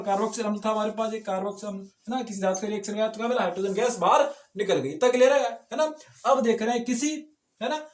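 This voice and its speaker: Man, chemistry teacher, high voice, echoey room, keeps asking rhetorical questions. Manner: motivational asides, frequent rhetorical checks. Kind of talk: informal classroom lecture.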